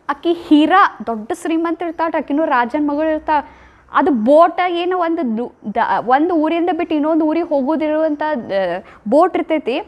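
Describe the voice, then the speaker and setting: Very high-voiced woman preacher. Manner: emotive, acts out quoted lines. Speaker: spiritual speaker. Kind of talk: devotional talk with storytelling. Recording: dull lo-fi recording.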